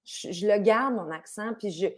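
A woman singer with a Québécois French accent, chatting casually in a remote interview. She tells her stories in a lively way and acts out the people she quotes. Her voice sits at a middle pitch for a woman. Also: normal speed.

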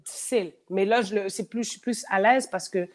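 A woman rapper with a Québécois French accent, talking in a casual interview and often repeating words as she searches for them. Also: medium pitch. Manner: halting, repeats words while thinking. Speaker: rapper, guest.

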